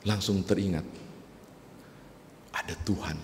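Male pastor telling a sermon story, lowish voice, big church echo, faint hiss. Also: steady tone, slow, darkish tone. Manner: conversational storytelling, addressing congregation. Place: church sanctuary.

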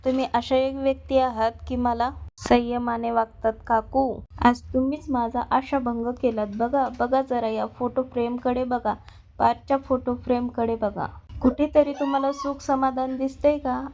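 A defiant young bride, bitter and resentful, firing off sharp questions in a rather high voice, as a woman storyteller reads her lines. She keeps a fairly flat, even tone while scolding. It sounds like a retold serial episode. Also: moderate pace, dull audio. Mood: reproachful.

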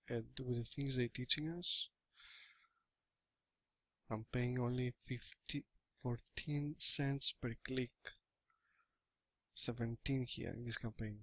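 A Greek man in his thirties reviews a product as an affiliate marketer, recording a screen walkthrough in a small room through a webcam or laptop mic. His medium-pitched voice is bright and forceful, the recording dry. His second-language English carries a Greek accent and comes out hesitant and halting, full of fillers and restarts.

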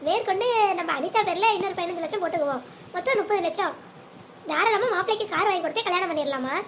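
A protective young cartoon brother reassures his family in a steady, caring way, acted by a woman. The voice stays very high for a man and moves briskly. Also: a little hiss or hum. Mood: reassuring. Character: caring young adult son and elder brother.

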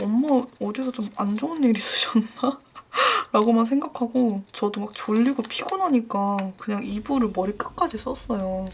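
A young adult woman vlogger casually telling horror stories, dropping into hushed whispers at the scary parts. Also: fairly high pitch, slight background noise. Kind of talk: casual horror storytelling while journaling.

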